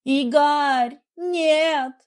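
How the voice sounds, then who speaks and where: A woman's voice: high-pitched, fairly even intonation, slow, voice pushed up. A woman reading aloud voices a hysterical, jealous pregnant young wife who screams and sobs. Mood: desperate. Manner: shrieking, sobbing, furious.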